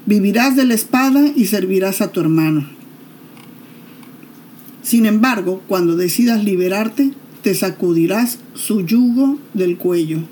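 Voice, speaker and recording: An aged, grave father from a storybook Bible tale, put on by a woman narrator. Mellow and unhurried, with a solemn, measured way of speaking. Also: medium pitch, lively intonation, a little hiss or hum, close to an everyday voice.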